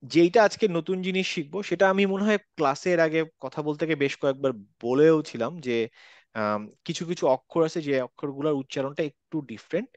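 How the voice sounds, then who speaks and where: A man's voice: fairly high pitch, fast, dry recording. A man teaching a Quran recitation class online, explaining and repeating letter sounds patiently, mixing English words into his talk.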